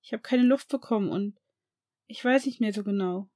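Reader playing a frightened young boy, stammering, trembling, raised pitch, storybook reading. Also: level tone, moderate pace, a little mellow, no room sound, clean studio sound, close to an everyday voice. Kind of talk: audiobook fan reading.

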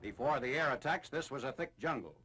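A man narrating a 1940s wartime newsreel in a brisk, authoritative announcing manner, from an old newsreel soundtrack. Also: mid-range voice, animated, slightly rough. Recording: old newsreel with loud noise.

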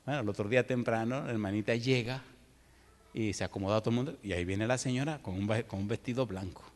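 Pastor preaching in echoey hall. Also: male voice, medium pitch. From Dominican Republic. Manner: lively storytelling, acting out the people in his stories. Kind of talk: sermon.

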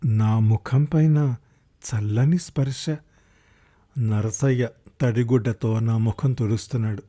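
A man reading a first-person story in scripted audiobook narration, slow and reflective. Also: medium pitch, warm tone.

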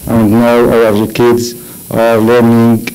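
A man from Syria, giving halting personal testimony on a panel and restarting his phrases. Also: mid-range voice, completely flat delivery, mellow, a little hiss or hum, rough recording. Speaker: refugee panelist. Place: large conference hall. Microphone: table microphone.

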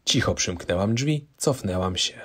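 A man reading a first-person true-life story as scripted narration, steady and measured. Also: lowish voice, husky.

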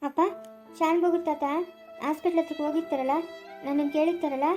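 A timid, worried grown son, voiced by a woman in a family short drama, asking his father pleading questions. The voice is very high and the lines come quickly. Soft music plays underneath. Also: fairly even intonation, close to an everyday voice. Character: anxious grown son, ill and dependent on his parents.

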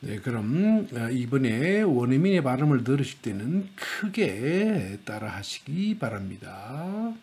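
A man teaching a grammar lesson, talking slowly and repeating words with fillers. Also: medium pitch, very animated, a little mellow, husky. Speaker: language teacher.

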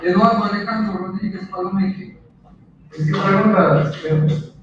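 High-voiced judge calling names in an echoey court. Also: male voice, slight background noise. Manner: brisk and procedural. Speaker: judge presiding over a hearing. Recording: distant, echoey, dull courtroom audio.

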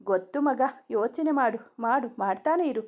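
A woman's voice: fairly high pitch, expressive, normal speed, lightly acted. A woman reading the lines of a cheerful young man teasing his friend in a knowing way. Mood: amused. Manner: jokey, knowing. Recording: dull lo-fi recording.

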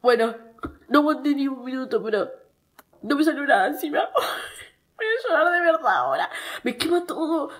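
A woman's voice: high voice, very animated, moderate pace. A young woman with an Argentine accent, talking casually to her followers while stuffy-nosed from a cold, chatty and self-mocking, whining when it hurts. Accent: Argentine Spanish. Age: young adult. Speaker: TikTok creator. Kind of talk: casual vlog chat.

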